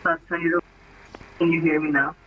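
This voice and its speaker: A man making halting radio calls as a pilot, his mic cutting out so his volume jumps up and down, with lots of ums and uhs. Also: on the high side, little pitch movement. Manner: hesitant, full of fillers. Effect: mic cutting out, uneven volume. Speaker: pilot on a flight-sim radio network. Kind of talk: halting radio calls to air traffic control. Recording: muffled radio transmission, faint static.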